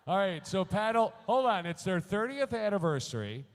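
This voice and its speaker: Brief: quick, joking man calling auction bids, slightly high voice, echoing through a big hall. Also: very animated. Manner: rapid-fire bid calling, joking with bidders. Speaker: charity auctioneer. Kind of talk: fast auction chant. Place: large hall at a school gala. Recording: long hall reverb.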